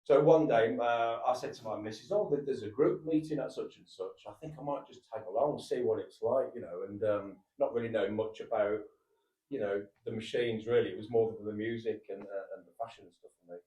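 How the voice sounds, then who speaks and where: Brummie guy in a band, low voice, rambly with lots of ums, roomy sound from across the room. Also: fairly quick, warm tone, distant mic. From Birmingham, England. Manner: rambling, self-mocking, with frequent fillers. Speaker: band member. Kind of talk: casual chat. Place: backstage green room. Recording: roomy, from off-mic.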